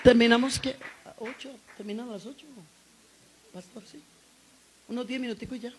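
A middle-aged woman preaching a testimony sermon in church, impassioned and rising to shouts. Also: fairly high pitch, steady tone, fairly quick, background noise. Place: church service.

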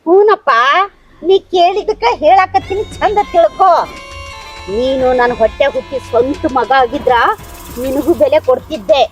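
A woman's voice: sits high, fairly even intonation, moderate pace, darkish tone, soft background music, close to an everyday voice. A woman with a North Karnataka accent playing a harsh, scolding stepmother-in-law in a village family drama skit. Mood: bitter. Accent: North Karnataka Kannada. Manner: taunting, scolding.

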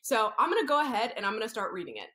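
An occupational therapist in her thirties reads a picture story to young children in a rapid-fire, fairly high, very lively sing-song voice, encouraging them to copy her hand gestures. She's recorded on a laptop webcam in an indoor room.

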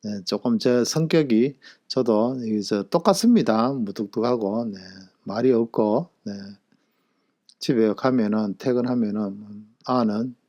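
A man's voice: mid-range voice, measured pace, dark tone. A man with a Gyeongsang Korean accent hosting a casual live stream, chatty and jokey, laughing often and greeting viewers by name. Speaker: live-stream host and shop owner.

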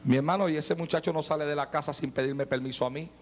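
A man's voice: on the high side, steady tone, quick pace, in a large hall. A man in his forties preaching a fervent sermon, questioning the congregation directly and breaking into tongues. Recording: dull lo-fi recording.

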